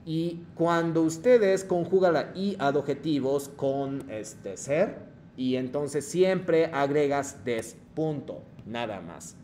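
A man's voice: fairly high pitch, slow pace, mellow, a little hiss or hum. A man teaching Japanese in Spanish, explaining patiently and checking in often with the class. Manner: mixes Japanese phrases into Spanish. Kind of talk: online language lesson.

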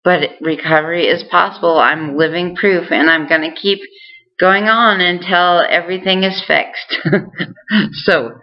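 Slow, low-voiced woman on a muffled recording. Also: fairly even intonation. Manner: earnest and encouraging toward viewers. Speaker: vlogger sharing recovery tips. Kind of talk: casual direct-to-camera talk.

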